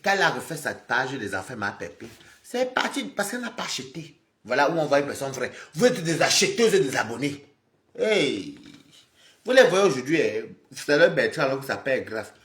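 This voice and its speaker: A man live streaming, scolding and lecturing his viewers in an animated, repetitive rant. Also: medium pitch, moderate pace, roomy sound. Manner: scolding, animated, repeats himself, talks straight to viewers.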